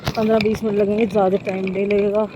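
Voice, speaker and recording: A woman's voice: mid-range voice, little pitch movement, fast, warm tone, a little hiss or hum, rough recording. A middle-aged woman, chatting casually to her vlog viewers and often thanking God. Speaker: vlogger. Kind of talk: casual vlog chat to camera.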